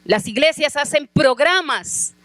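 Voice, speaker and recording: A pastor's wife preaching a sermon, telling a personal testimony and asking the congregation questions directly. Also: female voice, high voice, expressive, unhurried, a bit bright, no room sound.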